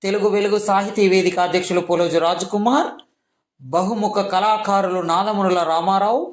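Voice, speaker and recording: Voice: medium pitch, steady tone, fairly quick, reverberant. A local news reporter reading a news report in a formal announcing tone, going through long lists of names and titles.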